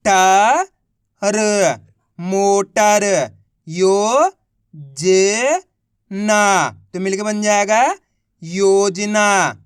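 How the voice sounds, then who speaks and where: Slow, clear male reading teacher. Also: sits high, no room sound, studio quality. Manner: drawn-out spelling of each syllable, then blending into words; encouraging, addresses viewers as friends. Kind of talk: slow syllable-by-syllable reading lesson.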